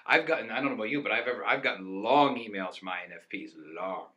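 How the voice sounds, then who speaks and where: Bright-voiced enthusiastic man chatting. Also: lowish voice, fast. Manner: rambling, enthusiastic, laughs often. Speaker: co-host. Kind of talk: casual chat.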